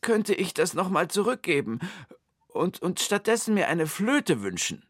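A man's voice: high voice, sing-song, unhurried, no room sound, clean studio sound, voice pushed up, heavily acted. A man doing a dithering, stammering fusspot. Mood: whiny. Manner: hesitant, stammering, whiny. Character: indecisive, fussy grown man. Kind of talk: children's radio story.

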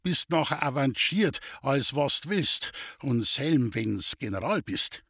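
A man's voice: mid-range voice, expressive, takes it slowly, creaky, slightly rough, no room sound, studio quality, full character voice. A man voicing a good-natured old farmer and proud father with a Bavarian accent, talking in a rambling way. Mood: reminiscing. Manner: warm-hearted, rambling.

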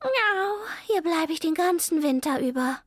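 A woman's voice: extremely high pitch, animated, a little slow, no room sound, voice pushed up. A pampered young female cat from a children's audiobook, cheerful and completely unbothered, as a woman puts her on. Her voice sits well above the narrator's own and sounds close and dry. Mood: smug.

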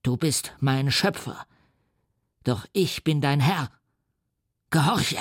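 A man's voice: medium pitch, slow, husky, no echo, clean studio sound. A male audiobook reader voicing a lonely, wronged creature who turns vengeful, speaking in a choked, menacing voice. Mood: commanding. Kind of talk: audiobook reading.

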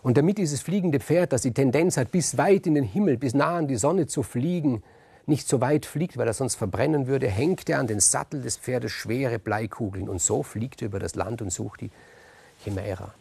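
Gravelly male storyteller. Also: mid-range voice, normal speed, no echo. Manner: lively, conversational, fond of asides. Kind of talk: free oral retelling of a myth.

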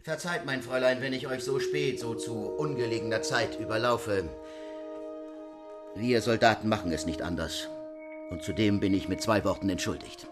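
A man's voice: on the low side, normal speed, music in the background, natural voice. Casting: frank, proud male guard officer, firm and emphatic, read by a male narrator in an audiobook.

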